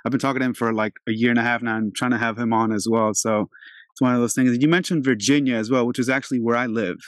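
A man's voice: mid-range voice, fairly even intonation, quick pace, no room sound, studio quality. A man from Albania in his thirties, hosting an interview in a laid-back, chatty way. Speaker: podcast host. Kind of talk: casual interview talk.

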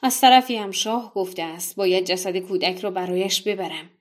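A woman's voice: medium pitch, natural voice. A woman voicing a frightened male executioner who speaks hesitantly and apologetically in a told folktale. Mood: pleading.

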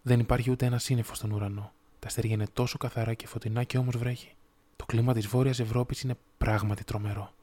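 A man voicing a proud, fussy male swallow who talks bluntly and grumbles to himself, read softly in a storybook. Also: mid-range voice, level tone, lightly acted.

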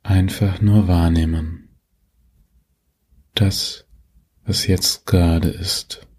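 Low husky guy, soft soothing sleep meditation narrator, takes his time. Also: steady tone. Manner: soothing, gentle, unhurried, with long pauses. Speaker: meditation guide, host.

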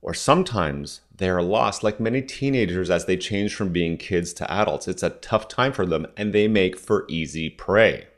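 This somewhat low-voiced man in his forties hosts a solo podcast, making his case in a measured, persuasive way and regularly turning points into questions. French was his first language, growing up in Southern Ontario, Canada.

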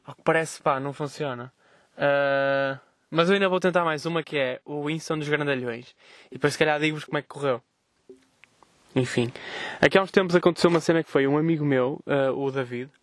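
Fast-talking young man. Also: fairly high pitch. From Vila Nova de Gaia, Portugal. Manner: animated, profane, acts out dialogue in quick voices. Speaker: podcast host. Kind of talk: casual storytelling vlog. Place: outdoors on a street.

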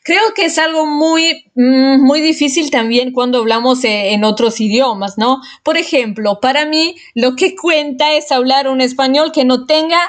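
Replying to a viewer question in a relaxed, friendly vlog, a native Italian speaker from Italy talks in a slightly high voice. She is still learning the language, so her speech is chatty but hesitant, full of fillers, pauses, and self-corrections partway through words.

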